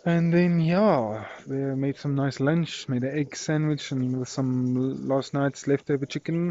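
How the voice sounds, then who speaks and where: Filming with a phone at arm's length in a residential yard, a young man in his twenties with a South African accent makes a casual daily vlog, rambling in a friendly way and leaning heavily on fillers. His voice is medium-pitched with a dark tone, and the phone recording is slightly dull.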